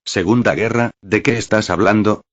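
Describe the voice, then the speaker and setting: A man's voice: lowish voice, moderate pace, no echo, muffled recording, lightly acted. A man voicing a mocking, incredulous male passerby who scoffs in an audiobook reading.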